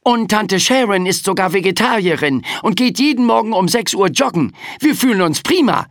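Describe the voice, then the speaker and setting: A man's voice: high voice, lively intonation, normal speed, dry recording, studio quality, voice pushed up. A man voicing a frightened young boy in an audiobook, blustering and boastful to hide his fear. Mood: defiant. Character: scared, defiant young boy. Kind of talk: audiobook character voice.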